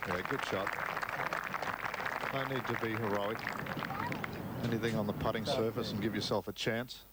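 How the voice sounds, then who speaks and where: A man's voice: fairly low pitch, steady tone, normal speed. Chatty male golf commentator amid heavy noise. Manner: informal, colloquial. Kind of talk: conversational live golf commentary. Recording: very noisy outdoor broadcast sound.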